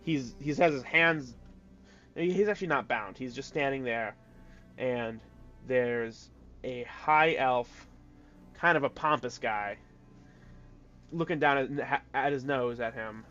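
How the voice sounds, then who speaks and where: A man's voice: mid-range voice, slow, long pauses, pushed and bright. Male game master, casual narration with fillers, slightly dull recording, faint background music.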